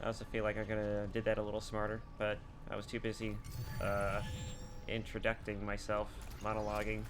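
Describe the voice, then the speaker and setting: A man's voice: on the low side, completely flat delivery, a little fast, noisy background. A man giving a casual, crude and sarcastic commentary on a horror game as he plays, swearing freely. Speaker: gameplay streamer. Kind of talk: casual let's play commentary.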